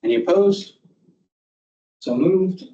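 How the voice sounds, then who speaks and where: A man chairs a formal board meeting, moving briskly through procedure. His voice is fairly high and very mellow, picked up muffled from across the room. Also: expressive, reverberant, a little hiss or hum. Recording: muffled, distant meeting microphone.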